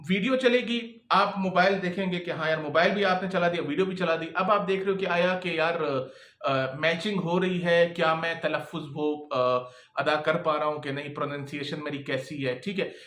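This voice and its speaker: A man's voice: on the high side, steady tone, normal speed, a bit bright. A man coaching freelancers in casual, repetitive talk that keeps checking in with the listener. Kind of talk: casual advice talk to camera. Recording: echoey room.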